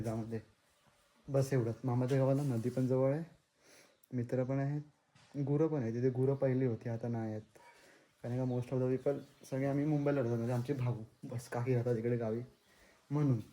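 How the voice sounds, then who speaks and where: Chatty young man vlogging, mellow voice. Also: mid-range voice, low-quality recording. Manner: chatty, mixes in English words. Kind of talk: casual vlog chat. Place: village house.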